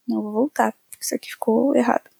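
A Brazilian-accented woman hosts a podcast, moving between scripted true-crime narration and casual, self-deprecating asides. Her voice sits on the high side, gravelly, mellow and slightly rough, with fairly even intonation and a rapid-fire pace. The recording is dry.

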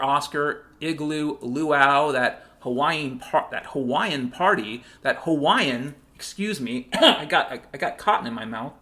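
A man's voice: fairly high pitch, sharp tone. A male podcast host delivering a heated, sarcastic monologue, swearing often. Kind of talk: profane ranting monologue.

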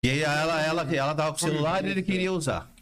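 A man's voice: on the high side, racing, noisy background. Slangy man telling stories. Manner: slangy storyteller, calls others mano and irmão. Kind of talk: casual chat.

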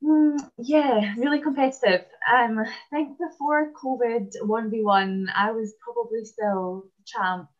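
A Scottish woman in her twenties who plays basketball and works as a dentist chats casually in an interview, pausing with lots of "um"s. Her voice is on the high side, and the highs are cut off.

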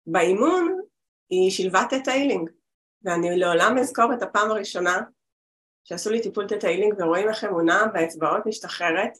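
A woman's voice: mid-range voice, lively intonation, fairly bright tone. A woman in her forties, a spiritual healer talking as a guest over a video call, chatty and rambling with restarts.

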